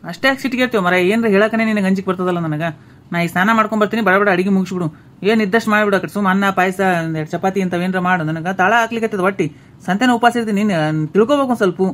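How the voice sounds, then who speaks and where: A man's voice: sits high, racing, a bit bright. A man voicing a hungry, bossy old husband. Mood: impatient. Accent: North Karnataka Kannada. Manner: bossy, impatient ordering. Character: older hungry, short-tempered fasting husband. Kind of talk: comic cartoon voice acting.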